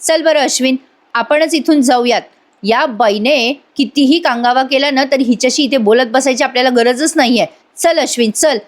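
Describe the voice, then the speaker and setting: A woman voicing a stern young sister-in-law who scolds slowly and firmly. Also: high voice, natural voice. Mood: scolding. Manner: slow, scolding, firm.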